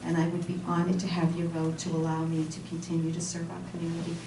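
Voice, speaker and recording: A woman with a lowish voice gives a measured, gracious candidate speech, and her intonation stays flat throughout. She is heard from a distance in an echoing room, with clear background noise. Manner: gracious, measured, level delivery. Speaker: candidate for planning board. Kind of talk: candidate speech at a public forum. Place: community meeting room. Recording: echoey hall, mic far off, noisy.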